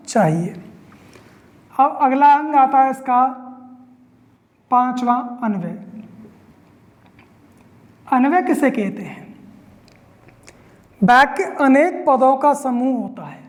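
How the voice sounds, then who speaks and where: A woman's voice: a little high, darkish tone. A woman teacher giving an online grammar lesson, explaining step by step and answering her own questions. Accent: Hindi.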